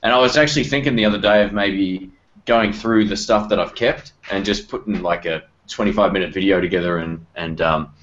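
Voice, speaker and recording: A low-pitched man hosts a casual live chat. He talks informally over an online video call, and the audio is a bit dull and lo-fi. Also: fairly quick, a bit bright. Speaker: host of a live guitar-pedal video chat.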